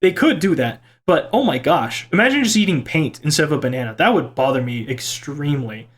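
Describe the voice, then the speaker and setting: A man's voice: fairly high pitch, animated, a little fast. Playful young man reading comments. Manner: playful, rambling, easily amused. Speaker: gaming vlogger reading comments. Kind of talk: casual chat reading viewer comments. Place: home room by a computer. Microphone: desk microphone at a computer.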